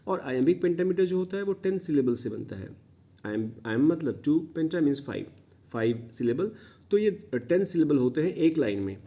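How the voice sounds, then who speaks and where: A man teaching a poem line by line, explaining to students and slowly quoting English words. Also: on the high side, warm tone. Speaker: literature teacher.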